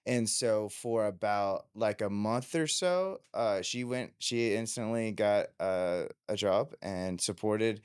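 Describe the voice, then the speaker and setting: A man's voice: on the low side, slow pace, few pauses, darkish tone, clear, resonant tone, no room sound, clean studio sound. A man hosting a podcast interview, talking casually with many restarts and fillers. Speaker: podcast host.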